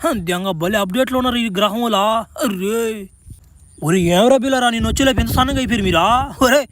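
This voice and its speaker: High, fast-talking rustic man. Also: a bit bright, no room sound. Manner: rustic, profane, rapid banter. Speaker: cartoon voice actor playing the Flash. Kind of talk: crude comic cartoon dubbing.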